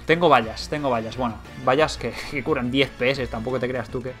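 Excitable young man with a Spain Spanish accent. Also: medium pitch, brisk, soft background music. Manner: excitable, swearing, thinking aloud. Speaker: let's play gamer. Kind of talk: live game commentary.

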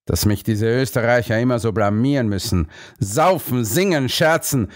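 Ein Mann, der in einem Hörbuch einen strengen, ungeduldigen älteren Kanzler spricht, herrisch und befehlend. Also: male voice, mid-range voice, moderate pace, no room sound, clean studio sound, close to an everyday voice. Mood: verzweifelt.

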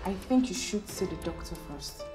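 An actress playing a polite, businesslike young Nigerian hospital nurse in a naturalistic film style. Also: female voice, fairly low pitch, expressive, moderate pace, natural voice. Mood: formal. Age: young adult. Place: indoor clinic reception. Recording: music behind dialogue.

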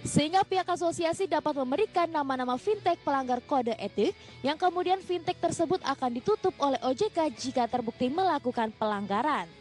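A woman with a high voice reads a scripted business news voice-over in a bright, upbeat way. Faint music plays under her studio narration. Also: expressive, fairly quick. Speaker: segment presenter.

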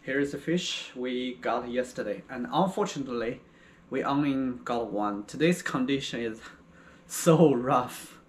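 A middle-aged man vlogging about fishing, talking plainly with many pauses and fillers. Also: mid-range voice. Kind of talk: casual vlog narration. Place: on a windy rainy ocean jetty, then a home kitchen. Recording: windy outdoor noise, rough ambience.

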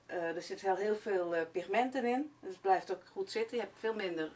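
A salon owner in her forties presents her hair and beauty business to camera in a promotional talk, hesitant and full of fillers. Her voice is medium-pitched, brisk, and darkish, caught by a distant camera mic with faint room noise.

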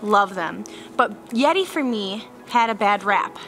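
A woman's voice: medium pitch, expressive, measured pace, fairly bright tone, faint music behind. A young woman vlogging on a winter hike in the woods, talking chattily to a handheld camera with lots of fillers. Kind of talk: casual vlog talk to camera.

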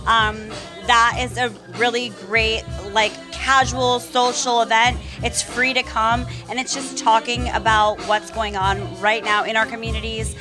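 A woman's voice: on the high side, little pitch movement, unhurried, few pauses. A woman in her early thirties chatting casually as an interview guest at an event. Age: early 30s. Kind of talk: casual chat. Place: indoor event room with wooden floor. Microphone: handheld microphone. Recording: music clearly heard behind.

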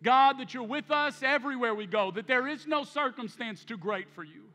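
A man's voice: very high-pitched, normal speed. A man in his thirties preaching a sermon as pastor, impassioned and emphatic, mixing stories from home into his message. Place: large church sanctuary. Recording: church hall reverb with soft music.

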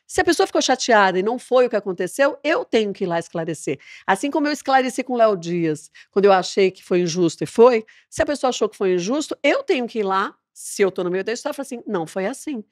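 A woman, a TV presenter, chatting as a podcast guest and telling a story lively, acting out the dialogue. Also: mid-range voice, fast talker, few pauses, no echo, clean studio sound. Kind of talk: casual interview chat.

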